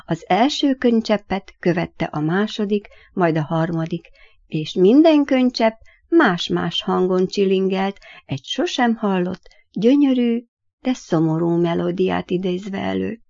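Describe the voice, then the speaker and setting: A woman, the author, narrating her own children's story in an expressive, measured way. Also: medium pitch, creaky, lo-fi sound.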